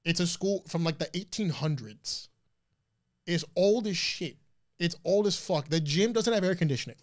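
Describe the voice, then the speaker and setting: A man in his twenties, a podcast guest telling stories in a loose, profane, animated way. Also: high-pitched, normal speed. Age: 20s. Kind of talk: casual interview chat.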